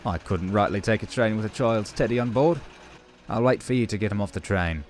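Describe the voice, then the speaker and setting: A man's voice: lowish voice, brisk, natural voice. A man voicing a laid-back, apologetic male diesel engine with a casual, matey way of talking.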